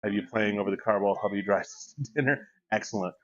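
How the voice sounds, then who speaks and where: A man's voice: lowish voice, quick pace, fairly bright tone. A man in his forties chatting casually on a live stream, joking and reading chat aloud. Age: 40s. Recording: dull lo-fi mic.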